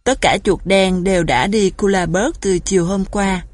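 A woman voicing a gloomy old male crane who complains in a weak, hoarse voice in a storybook reading. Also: medium pitch, steady tone, normal speed, no room sound, lightly acted. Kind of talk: storybook narration.

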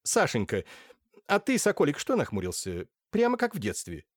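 A man's voice: a little high, wildly swooping pitch, normal speed, no room sound, clean studio sound, pitched above the performer's own voice. A man voicing a spiteful aging aunt in an audiobook, sugary and coddling. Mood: doting. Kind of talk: audiobook character voice.

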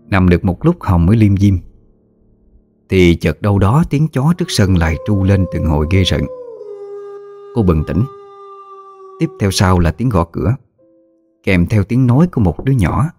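Deep-voiced somber male ghost-story narrator. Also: warm tone.

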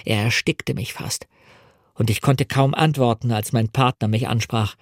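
A man reading a novel aloud as an audiobook in a measured, dramatic first-person storytelling manner, in a studio. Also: medium pitch, fairly even intonation, no echo. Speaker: audiobook reader. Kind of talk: scripted audiobook narration.

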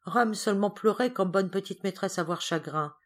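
A woman's voice: mid-range voice, moderate pace, voice pushed up, close to an everyday voice. Woman reading as a devoted male servant. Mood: consoling. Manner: speaks in broken, simplified sentences.

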